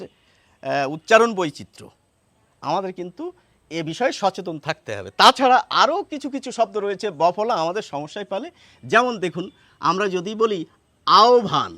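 A man teaching a lesson, explaining step by step and repeating words slowly to show how they sound. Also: sits high, bright, forceful tone, no room sound. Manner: explains step by step, asks rhetorical questions.

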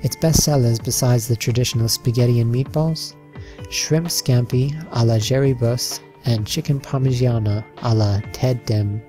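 A man narrating a slideshow in an even, listing read with the odd slip. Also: mid-range voice, moderate pace, faint music behind.

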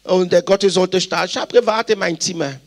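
A man preaching a sermon, animated and emphatic, repeating phrases and telling personal stories with laughter. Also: high voice, fast talker.

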